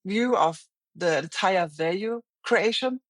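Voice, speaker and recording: A middle-aged woman with a German accent speaks slowly at a medium pitch, appearing as a guest in an interview. She's a finance executive, earnest and reflective, often restarting her sentences. The studio-quality recording has no echo.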